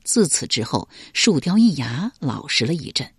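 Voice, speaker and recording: Low husky lady reading a historical novel, dry close sound. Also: moderate pace, dry recording. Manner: dramatic, expressive. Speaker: audiobook narrator. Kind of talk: storytelling narration.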